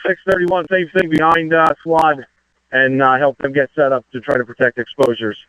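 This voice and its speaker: A man's voice: fairly high pitch, flat delivery, moderate pace, fairly bright tone, smooth, dry recording, poor audio. A man speaking urgent firefighter radio traffic as incident commander, terse and directive, over a two-way radio. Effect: two-way radio transmission.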